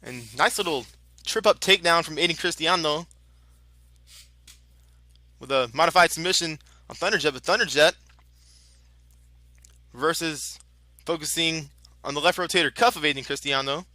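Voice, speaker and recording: Bright, high-voiced male lucha libre announcer. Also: moderate pace, long pauses, no echo. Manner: chatty, informal, exclamatory. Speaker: wrestling announcer. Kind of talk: lucha libre play-by-play commentary with promotional plugs.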